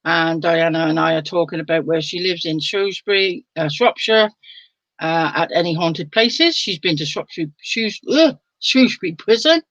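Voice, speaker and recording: A woman's voice: on the low side, lively intonation, moderate pace, fairly bright tone, no room sound, muffled recording. An older woman hosting a casual live stream from home, chatting with viewers, reading their comments aloud and laughing often. She sounds sleepy and yawns now and then. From England. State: sleepy, yawning.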